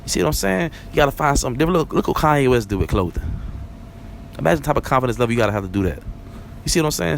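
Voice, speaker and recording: In a casual solo monologue, a young vlog host with a Barbadian accent wanders conversationally from point to point, often checking "you know what I'm saying?". His voice is mid-range, and there's a slight hiss or hum.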